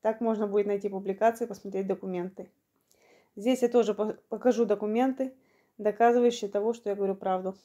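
A woman around fifty from Ukraine, telling a long personal story in a vlog, unhurried and matter-of-fact, slightly short of breath. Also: mid-range voice, fairly even intonation, mellow. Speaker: vlogger.

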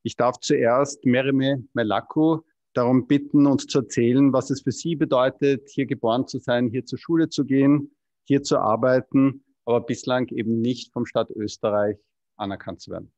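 A man moderates a press conference, introducing each speaker politely and formally. His voice sits at a middle pitch and sounds dry and close to the microphone. The recording is slightly dull. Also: steady tone, moderate pace, a little mellow, no room sound.

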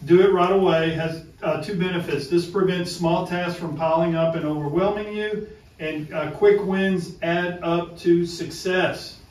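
A man's voice: high-pitched, steady tone, a little slow, darkish tone. A man presenting a self-help lesson to a small group, emphatic and repeating his key points. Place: room with a small live audience. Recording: echoey room from far off, faint noise.

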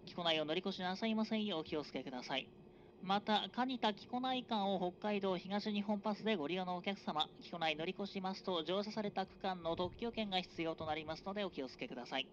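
Over the PA, a male conductor announces stops and connections in a drawn-out, formal cadence. Captured from a passenger seat, the audio is dull and muffled, with the loud rumble of the moving train behind him.

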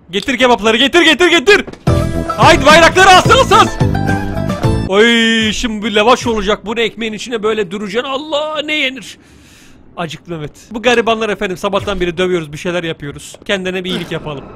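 A man doing playful let's play commentary, joking and teasing with excitable outbursts. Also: high voice. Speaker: gaming YouTuber.

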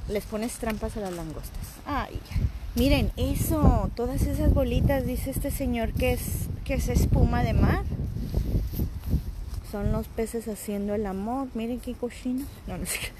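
A vlogger in her forties with a Mexican accent jokes playfully with viewers while live-streaming a walk by the windy seaside, holding her phone at arm's length. Her voice is fairly high and unhurried, with heavy background noise.

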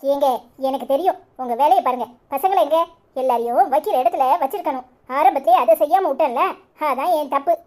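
A woman with a Kanyakumari Tamil accent voicing a sharp-tongued, bossy young wife in a cartoon. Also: sits high, a little fast, natural voice. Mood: dismissive. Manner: curt, scolding. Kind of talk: cartoon voice acting.

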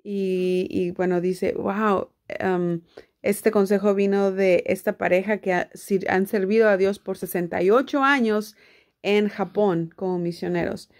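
A woman's voice: medium pitch, fairly even intonation, a little slow, darkish tone. A woman giving casual commentary over a video clip, restating each line in her own words. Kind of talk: casual commentary and live translation.

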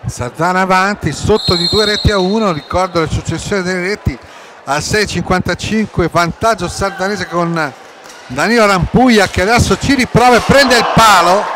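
An Italian man giving excitable live sports commentary, shouting and stretching players' names, recorded in a noisy sports hall. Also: high voice. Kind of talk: live roller hockey match commentary. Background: crowd and rink noise.

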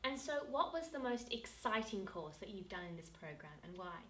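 A woman's voice: mid-range voice, big pitch swings, moderate pace, fairly bright tone. A young woman hosting a university video, introducing guests and asking questions in an upbeat, encouraging way. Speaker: host. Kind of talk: presenting, interviewing. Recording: roomy, from a distance, faint hiss.

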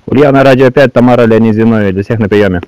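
An amateur radio operator makes calls using the phonetic alphabet and mutters commentary between them. His medium-pitched, slightly mellow voice moves quickly, buried in noisy static with clicks.

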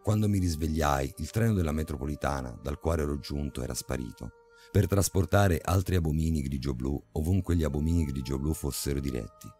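A man narrating a scripted horror story in a dramatic, measured way. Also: rumbling low, mellow. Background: faint music.

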